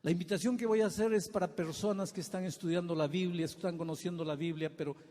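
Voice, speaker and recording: A man's voice: sits high, fairly even intonation, quick pace, dark tone. Impassioned male pastor in echoing hall. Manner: impassioned, acts out dialogues. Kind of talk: evangelistic sermon with altar call. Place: large church hall. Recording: long hall reverb.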